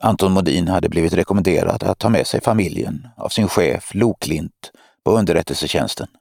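A man reading an audiobook in a measured, steady narration. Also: low voice, vocal fry, dry recording, clean studio sound. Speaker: audiobook reader. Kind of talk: scripted narration.

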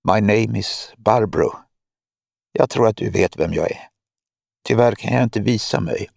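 Audiobook villainess, cold, mocking spymaster woman, read by a man, gravelly, close and dry. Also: on the low side, darkish tone, no room sound. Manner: mocking, lecturing, menacing. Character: cold scheming woman spymaster, middle-aged.

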